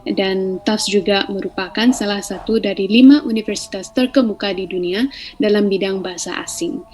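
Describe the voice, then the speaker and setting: A young woman in her twenties, a student, giving a prepared talk with many hesitant fillers and pauses. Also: medium pitch, a little mellow, faint music behind, poor audio. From Malaysia.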